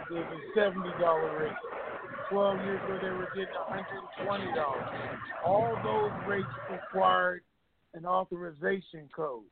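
A man's voice: sits high, background noise. A man talking in a rambling, offhand way as a regular guest, heard over a conference phone line. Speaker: regular guest on a call-in show. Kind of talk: casual phone call talk. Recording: tinny dry phone line.

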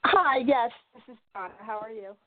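A woman caller on a psychic show who answers in a hesitant, halting way and is often unsure. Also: on the high side, animated. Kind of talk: phone call to radio show. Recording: dry, tinny phone line.

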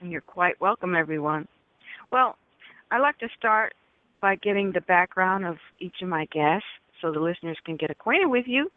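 A woman's voice: lowish voice, animated, normal speed, no room sound. A woman hosting a radio talk show who reads formal guest introductions, with small slips and corrections. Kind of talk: reading guest introductions, interviewing. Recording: narrow phone-line radio sound.

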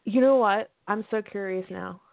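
A woman's voice: medium pitch, moderate pace, vocal fry, no echo. Giggly woman on a dry phone line. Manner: giggly, chatty. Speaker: podcast host. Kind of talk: casual chat.

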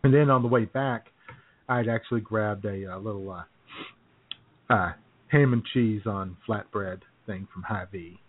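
Chuckling frequently, this American co-host trades casual jokes on a talk show. He speaks unhurriedly in a fairly low voice with no echo, though the audio is tinny and phone-like.

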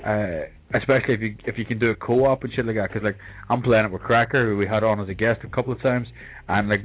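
A man with an Irish accent chatting casually and swearing freely as a podcast co-host about games. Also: fairly low pitch. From England. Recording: tinny phone-like voice call, music behind.

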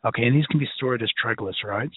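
Male lecturer, Brooklyn accent. Rough-edged voice, conversational and emphatic teaching style, dry telephone-band recording. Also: medium pitch, fast, dry recording. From Brooklyn, New York. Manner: emphatic, conversational, folksy, checks in often. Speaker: lecturer, health educator. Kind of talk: informal lecture to a class. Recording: narrow phone-like line.

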